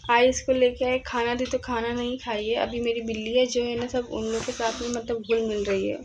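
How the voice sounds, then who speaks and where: Young woman, casual home vlog, chatty, repeats phrases, slightly high voice, faint background noise. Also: flat delivery, brisk, low-quality recording. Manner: chatty, repeats herself, warm with the kitten. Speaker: vlogger. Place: at home, near a railway line.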